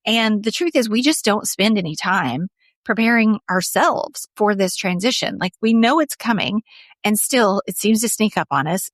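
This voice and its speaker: A middle-aged woman hosts her podcast solo, chatting openly and directly to her listeners. Her voice sits at an ordinary middle pitch. It comes across dry and close, with no room sound around it. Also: fairly bright tone, no echo. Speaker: podcast host. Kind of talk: casual solo podcast talk.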